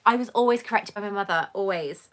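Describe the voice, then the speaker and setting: A middle-aged woman with a mid-range voice talks fast while hosting a live Q&A stream, reading viewer comments aloud. Born in England and raised in Wales, she has an accent that mixes southern English and Welsh.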